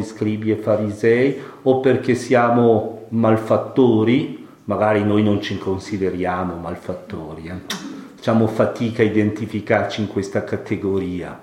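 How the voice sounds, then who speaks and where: Man, priest, sermon on scripture, very slow, reflective, repeats phrases, rhetorical questions, echoey room. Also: on the low side, darkish tone. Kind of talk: sermon, Bible commentary.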